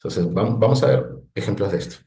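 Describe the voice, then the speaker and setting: Low, mellow-voiced male teacher. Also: big pitch swings, fast, reverberant. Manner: patient, explanatory, frequent "¿no?" checks and restarts. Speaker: Biblical Hebrew teacher. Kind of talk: online lesson explaining on a screen.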